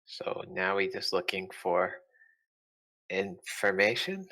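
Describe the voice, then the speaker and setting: A man's voice: deep voice, lively intonation, slow, gravelly, sharp tone, full character voice, rough recording. A man voicing a simple-minded, blunt goblin in tabletop role-play, speaking in broken, simple phrases. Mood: questioning.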